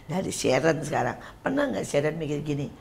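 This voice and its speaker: A woman's voice: low-pitched, sing-song, fairly quick, creaky, a little mellow, a little hiss or hum. An older woman hosting a casual talk show, chatty and teasing as she asks her guests questions. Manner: chatty, teasing, laughs often. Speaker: host.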